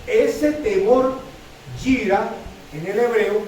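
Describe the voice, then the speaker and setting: Middle-aged Chilean pastor, male, high mellow voice, halting repetitive sermon delivery, heard from afar in an echoey hall. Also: distant mic. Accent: Chilean Spanish. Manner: repetitive, stammering restarts, frequent "¿sí?" to congregation. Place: church hall.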